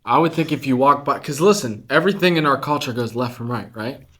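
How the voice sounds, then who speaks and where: A man's voice: medium pitch, a little fast, bright, forceful tone. A man with a mid-range voice bantering in a playful way, dropping "bro" and "dude" as he makes a half-joking case for his point. His tone stays easygoing and chatty. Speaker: student ministry podcast co-host. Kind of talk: casual chat.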